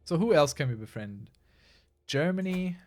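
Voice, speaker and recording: A man's voice: medium pitch, expressive, a little slow, faint music behind. A man casually commenting as he plays a strategy game, chatty and wry, answering his chat as he goes. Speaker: streamer playing a strategy game.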